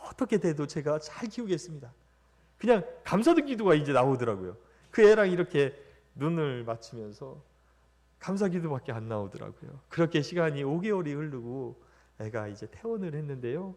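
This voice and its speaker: A middle-aged man giving a church testimony, telling a story with big swings between hushed and loud. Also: on the high side. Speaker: radio station branch director giving testimony.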